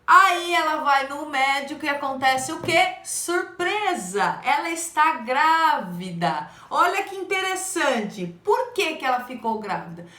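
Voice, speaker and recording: A woman's voice: high-pitched, animated, normal speed, few pauses, sharp tone, roomy sound. A Brazilian woman, a nutritionist, giving casual advice and acting out a patient's complaints as she tells the story. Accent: Brazilian Portuguese.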